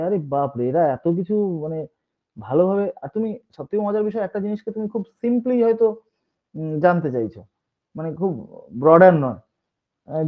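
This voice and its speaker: A male English teacher giving an online class lesson, patient, checking in with his students and repeating points. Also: sits high. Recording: tinny phone-like online class audio.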